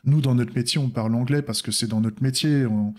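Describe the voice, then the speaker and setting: A man's voice: medium pitch, fairly quick, darkish tone. A man from France chatting casually on a devlog, rambling, with frequent restarts and fillers. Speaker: indie game developer.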